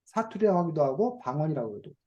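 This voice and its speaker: A teacher leading an online class for children, heard over a video call. The voice is mellow and soft-toned. The delivery is animated and swoops widely in pitch, with a stream of questions to the kids. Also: fast, highs cut off. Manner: animated, asks children questions and plays out dialect phrases. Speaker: reading and writing teacher for children.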